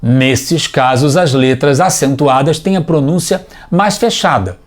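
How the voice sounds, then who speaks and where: A man teaching a scripted TV language lesson for children, explaining clearly and patiently, step by step. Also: fairly high pitch, a little slow.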